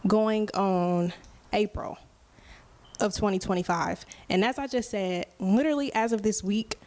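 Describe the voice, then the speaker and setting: Speaking in a mid-range, slightly mellow voice, this woman in her 20s, a podcast host and musician, chats openly and casually with her listeners on her solo show. She takes her time, unhurried and conversational, and frequently asks "right?".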